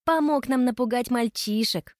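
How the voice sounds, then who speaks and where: A woman voicing a cheerful, kind young girl in a storybook, speaking softly and warmly. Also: fairly high pitch, normal speed, no echo, clean studio sound, voice pushed up, close to an everyday voice. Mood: friendly. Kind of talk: storybook reading.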